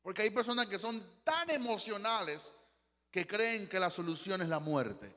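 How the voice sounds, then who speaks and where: A male pastor with a Panamanian Spanish accent delivers an impassioned sermon in a high, bright, forceful voice. He acts out little quoted exchanges as he preaches. His voice rings through a hall with a long reverb. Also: lively intonation, normal speed.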